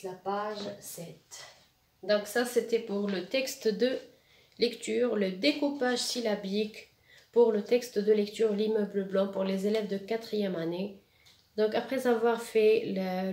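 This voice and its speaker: A woman teacher, slowly spelling out letters and syllables in a reading lesson, mixing French with Arabic. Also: medium pitch, a little mellow. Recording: roomy and distant from the mic.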